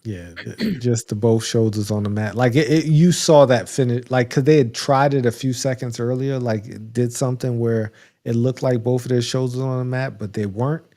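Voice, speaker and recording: A man with a mellow, warm voice co-hosts a casual podcast and walks through wrestling results in a loose, rambling way. He restarts sentences often and breaks into small laughs, sounding slightly hiccupy. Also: mid-range voice, fairly even intonation, normal speed. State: has the hiccups. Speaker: podcast co-host. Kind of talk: casual wrestling recap chat.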